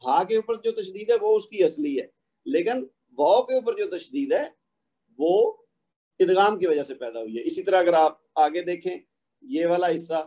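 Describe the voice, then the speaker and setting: Patient Pakistani male tutor, fairly high and mellow, explains and then slowly recites examples for students to repeat. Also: lively intonation. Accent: Pakistani Urdu. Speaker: Quran recitation teacher. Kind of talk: online tajweed lesson.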